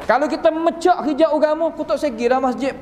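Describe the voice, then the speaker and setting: A man's voice: extremely high pitch, quick pace, darkish tone, slight background noise. A man with a Kelantan-Patani Malay accent giving a Quran commentary lesson as a religious teacher, folksy and full of rhetorical questions. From southern Thailand (Patani). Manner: folksy, asks rhetorical questions, acts out quoted voices. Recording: long reverb of a large hall.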